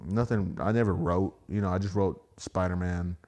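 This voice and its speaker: A man's voice: low-pitched, moderate pace. A man with a Texan accent, a stand-up comic guesting on a podcast, telling stories in casual chat and acting out other people's voices. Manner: animated storyteller, acts out others' voices.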